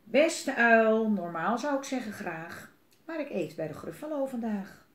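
A woman's voice: fairly high pitch, lively intonation, measured pace. A woman voicing a small, clever, boastful mouse in a children's storybook reading, with a cheeky, self-assured manner. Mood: cocky. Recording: roomy echo.

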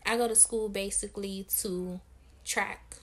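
A woman's voice: medium pitch, steady tone, unhurried, a bit bright. Chatty young woman from Maryland. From Maryland, USA. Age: 20s. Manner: chatty, candid, slangy. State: tired. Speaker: vlogger and lash business owner. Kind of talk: casual Q&A vlog.

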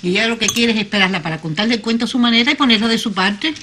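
An actress with a Cuban accent playing an insistent, suspicious family matriarch. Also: female voice, on the high side, rapid-fire, pushed and bright, a little hiss or hum. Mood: indignant. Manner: insistent, accusing, gossipy. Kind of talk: telenovela acting.

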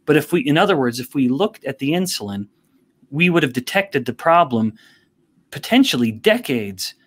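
Man explaining at a measured pace. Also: on the high side, very animated. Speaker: guest expert. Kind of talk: podcast interview.

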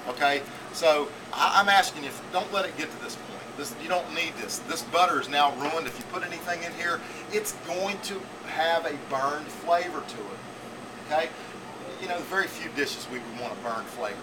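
Forties guy teaching a cooking class, kinda high voice, rambly, says okay a lot, camera mic off at a distance. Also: moderate pace. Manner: rambling, repetitive, checks in with "okay?". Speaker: culinary teacher. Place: school teaching kitchen, indoors. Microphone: camera mic from a few feet away. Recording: distant camera audio with air-conditioning hum.

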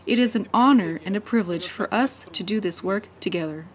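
Earnest woman narrating a church voice-over. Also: medium pitch. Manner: earnest, measured preaching tone. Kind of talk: read church introduction voice-over.

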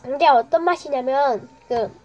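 A woman's voice: sits high, measured pace, darkish tone, highs cut off, soft background music. A woman vlogging a mukbang in a casual, chatty way, gasping from spicy food. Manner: chatty, reacting to the heat. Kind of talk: casual eating vlog.

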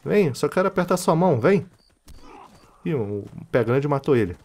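A Brazilian man with a Rio de Janeiro accent commentating his own gameplay in a casual, excitable way. His pitch leaps around a lot as he shouts taunts and laughs, then drops back into chatty asides. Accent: Brazilian Portuguese, Rio de Janeiro. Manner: excitable, yelling taunts at enemies, quick laughs. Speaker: gaming channel host.

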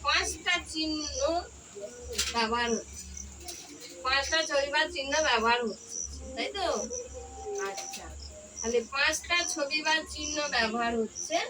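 This tuition teacher speaks in a high pitch, a little slowly and with long pauses, as she quizzes children on grammar with repeated questions and echoes their replies. She is well away from the microphone, and insects, crickets and passing traffic are clearly heard.

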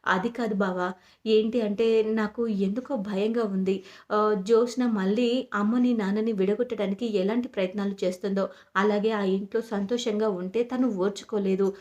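A woman voicing a worried young wife who speaks gently about her fears in a retold serial story. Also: medium pitch, natural voice.

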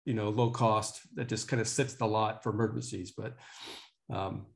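A man who runs vanpools, explaining his plans in a measured way during a video call meeting. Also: on the low side, fairly even intonation, creaky. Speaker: vanpool operator.

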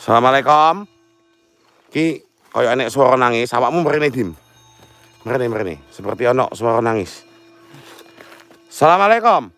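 A man's voice: mid-range voice, lively intonation, measured pace, pauses often, fairly bright tone, soft background music. A young man with an East Javanese accent guiding a night-time ghost hunt outdoors, coaxing his companion along and chanting greetings to spirits. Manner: coaxing, repeats prompts, laughs easily. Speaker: paranormal guide. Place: outdoors at night by a forest pool.

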